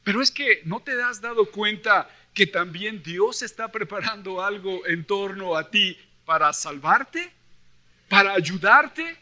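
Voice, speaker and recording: This Mexican-accented preacher has a high-pitched, very bright and forceful voice, yet he takes an unhurried pace. Addressing a church convention, he mixes scripture with personal anecdotes, performing the dialogue and emphatically pressing listeners with rhetorical questions.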